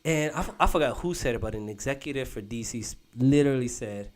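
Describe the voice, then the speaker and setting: A young man hosting a casual podcast chat, rambling and animated, with lots of "bro" and restarts. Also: mid-range voice, fast. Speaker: podcast host. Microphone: podcast mic.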